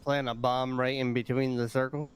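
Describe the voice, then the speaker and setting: A man in a casual roleplay, speaking in a steady, plain-spoken way. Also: mid-range voice, moderate pace, clear, resonant tone. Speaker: roleplay player as an officer.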